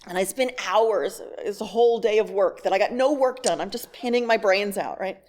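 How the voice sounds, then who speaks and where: Her pitch is medium and her tone a little mellow, and she talks a bit fast. A middle-aged guest speaker at a church service, she offers the congregation a candid, wry personal talk, telling stories, acting out dialogue, and laughing throughout.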